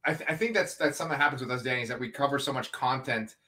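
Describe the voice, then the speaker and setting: A man's voice: medium pitch, very fast, pushed and bright. A man hosting a casual review podcast, talking in an upbeat, rambling, emphatic way. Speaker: podcast host.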